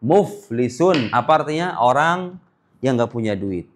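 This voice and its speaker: A man teaching a language class, repeating phrases slowly for students to copy and dropping playful asides. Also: medium pitch, expressive. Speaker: Arabic teacher.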